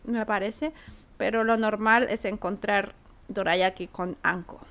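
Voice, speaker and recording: A woman co-hosting a casual podcast, speaking in a measured way with soft agreeing murmurs. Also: medium pitch, steady tone. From Chile. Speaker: podcast co-host. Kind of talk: casual chat.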